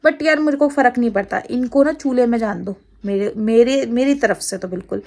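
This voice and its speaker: A woman's voice: on the high side, brisk, creaky, darkish tone. A woman with an Agra-region Hindi accent, chatting casually to camera in a rambling, laughing way. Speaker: vlogger.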